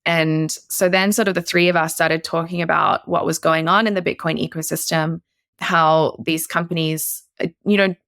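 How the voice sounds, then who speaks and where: A woman's voice: deep voice, steady tone, normal speed, a bit bright, no echo, clean studio sound. A woman from Australia, a guest investor on a podcast interview, chatty with many fillers and restarts.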